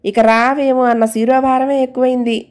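A woman's voice: high voice, little pitch movement, normal speed, a little mellow, voice pushed up, natural voice. A woman voicing a fussy elderly mother-in-law. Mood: relieved.

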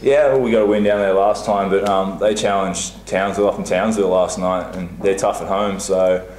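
A young basketball player answers press questions in a steady, matter-of-fact voice. His tone is low and very even. The room adds an echo over a faint hiss. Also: moderate pace. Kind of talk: post-match press conference. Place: small press room before a sponsor backdrop. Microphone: table mic on a stand.

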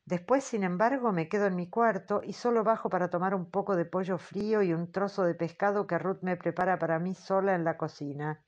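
A woman reads a first-person audiobook in a measured, earnest way. Her voice sits on the low side. The sound is a little dull and muffled. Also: fairly even intonation. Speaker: audiobook narrator. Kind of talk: scripted first-person narration.

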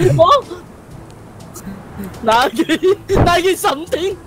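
A gaming partner with a Cebuano accent, bantering excitedly and laughing often during a match. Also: extremely high pitch, extremely slow, faint music behind.

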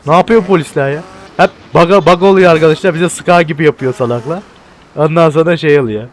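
A young man casually commentating a video game, excitable and bantering, often shouting at what happens on screen. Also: a little high, brisk. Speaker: gameplay video host.

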